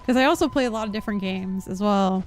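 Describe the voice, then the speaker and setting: A young adult woman streams a game and chats casually, her medium-pitched voice quick over soft background music. Her live stream talk rambles in an informal, unsure way.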